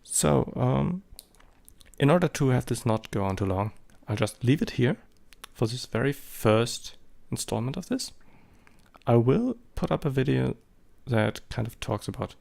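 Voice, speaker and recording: With big swings around a medium pitch, this man speaks a little slowly, with vocal fry and a darkish tone. He's a photography vlogger in his thirties, native in German, offering German-accented, casual, meandering English commentary full of hesitations and fillers.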